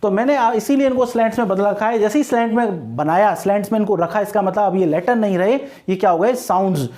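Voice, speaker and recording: A man teaching an English grammar lesson, asking questions and answering them himself, and slowing down on English example phrases. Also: high voice, darkish tone.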